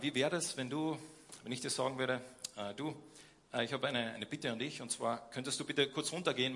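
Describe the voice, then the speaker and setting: A young man preaching a sermon, swinging between loud questions and quiet emphasis, with frequent hesitations. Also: medium pitch, creaky.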